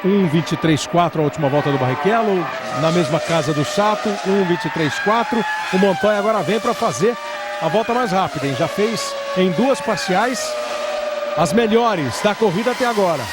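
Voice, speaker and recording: A Brazilian man commentates live motorsport in a high-pitched voice. He calls positions and lap times as the lead announcer. Very loud race-car noise runs behind him. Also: expressive, moderate pace. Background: race cars and engines roaring.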